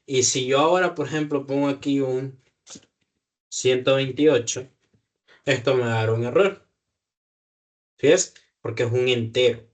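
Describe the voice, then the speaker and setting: A man's voice: mid-range voice, a little slow, long pauses. A man teaching a programming lesson one-on-one, patient and thinking aloud, checking often that his student follows. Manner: patient, checks understanding with frequent "¿ya?"; self-correcting, thinks aloud with fillers. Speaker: programming tutor. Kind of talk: live one-on-one coding lesson.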